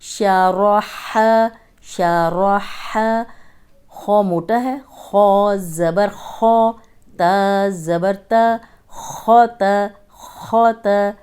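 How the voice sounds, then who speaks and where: A woman with a smooth, clear voice teaches Quran recitation at a very unhurried pace. She speaks, spelling out each letter and drilling syllables again and again with patience. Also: medium pitch, darkish tone. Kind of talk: slow tajweed lesson with drilled letter sounds.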